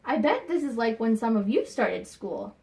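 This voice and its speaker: A female teacher with a slightly high voice reads a picture book aloud to young students as a lesson. She reads expressively, pausing to think aloud and pose questions to the children.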